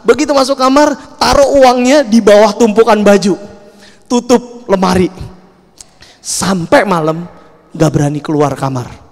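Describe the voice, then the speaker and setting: A man in his thirties with an Indonesian accent, preaching at a youth service through an animated personal story, mixing in casual slang and English. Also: sits high, measured pace, long pauses. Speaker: speaker. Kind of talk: sermon storytelling. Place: large church hall. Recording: long hall reverb.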